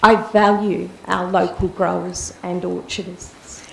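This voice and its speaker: Croaky, impassioned woman. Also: lowish voice, flat delivery, a little slow. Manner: earnest and impassioned, speaking through a mask. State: croaky voice from a cold. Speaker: resident asking a question at public question time. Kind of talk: prepared public statement. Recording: echoey chamber, faint room hiss.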